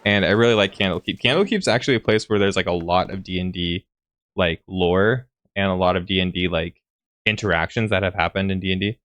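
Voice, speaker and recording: A man's voice: low voice, a little fast, fairly bright tone, dry recording. Rambling young man streaming a game. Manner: casual, swears, rambling with lots of "like". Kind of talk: live gaming commentary. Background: faint game music.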